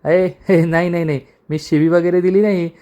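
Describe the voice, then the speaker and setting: A man's voice: high voice, steady tone, normal speed, mellow, lightly acted. A man reading the lines of a playful young husband in a TV serial recap, chatty and reassuring. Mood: bantering. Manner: bantering, chatty.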